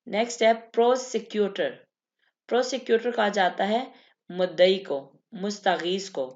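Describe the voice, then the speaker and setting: A woman teaching English vocabulary, repeating each word and explaining it slowly. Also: medium pitch, steady tone, darkish tone, muffled recording. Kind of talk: vocabulary lesson.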